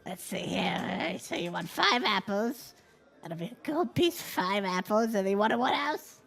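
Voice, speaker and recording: A man voicing an obnoxious kobold tavern keeper in squeaky, yappy lizard chatter through a voice changer, in a tabletop game. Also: big pitch swings, unhurried, gravelly, fairly bright tone, faint music behind, exaggerated voice. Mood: businesslike. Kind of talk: tabletop role-play character.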